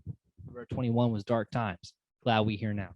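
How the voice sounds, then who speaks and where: A woman hosting a casual, profane recap of a reality show, swinging from excited to exasperated. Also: extremely low pitch, moderate pace, no echo, lo-fi sound. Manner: profane, animated, mimics houseguests in quoted asides.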